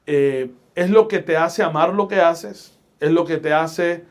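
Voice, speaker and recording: A pastor and radio host from Puerto Rico, middle-aged and with a Puerto Rican Spanish accent, tells stories in a podcast interview. His pitch is fairly high, and his delivery is deliberate and emphatic in the manner of a preacher.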